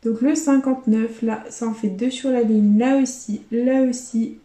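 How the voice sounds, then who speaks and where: Woman, casual running commentary, fairly high voice, mellow tone. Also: fairly even intonation, unhurried. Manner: chatty, addresses viewers as friends. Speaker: YouTuber scratching lottery tickets. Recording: echoey room.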